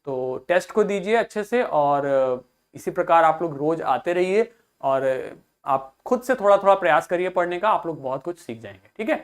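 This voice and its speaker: A woman teaches English, reading a text slowly word by word, translating each line into Hindi and asking her students how words are read. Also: on the low side, expressive. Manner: reads slowly word by word, then translates and asks questions.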